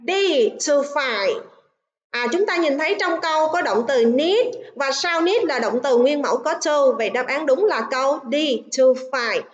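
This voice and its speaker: A woman with a Vietnamese accent, an English teacher in a recorded online lesson, reading quiz items slowly and carefully. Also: sits high, lively intonation, highs cut off.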